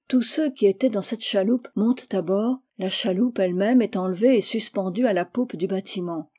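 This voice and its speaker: Woman narrator for a classic novel audiobook, measured and expressive, warm mellow tone. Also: mid-range voice. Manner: measured, expressive literary reading.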